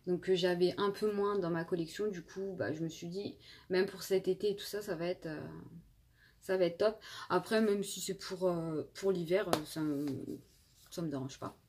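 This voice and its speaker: A woman's voice: fairly low pitch, fairly even intonation, moderate pace, darkish tone. A woman in her twenties casually reviewing makeup palettes as a beauty vlogger, chatty with many fillers and restarts, filmed on a phone indoors. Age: 20s. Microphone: phone camera.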